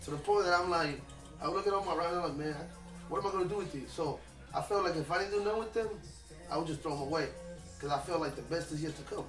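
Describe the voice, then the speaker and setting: A rapper in a casual interview rattles off his story at a fast clip, loose and emphatic, full of slang and swearing. His voice sits a bit high for a man, and he sounds echoey and distant from the mic, with music clearly playing behind him.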